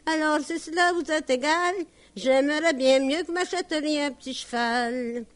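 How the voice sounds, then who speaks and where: A woman delivering a comic sung monologue and a folk song in a slow, clearly enunciated storytelling manner. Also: high-pitched.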